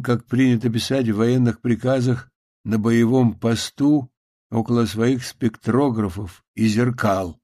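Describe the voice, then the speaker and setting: A man narrates a story in a calm, measured reading voice of middle pitch. He drops lower and quieter for hushed lines. The sound is dry and close, with no room around it. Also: no echo. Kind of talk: audiobook reading.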